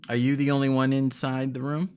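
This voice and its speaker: A man narrating a tabletop game as game master, halting and often correcting himself as he describes things. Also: medium pitch, level tone, a little mellow. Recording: faint background noise.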